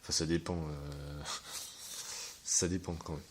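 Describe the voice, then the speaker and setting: A man's voice: extremely low pitch, flat delivery, takes it slowly, slight background noise. A man talking casually to his viewers as he shows his card binder, hesitant and rambling with many fillers.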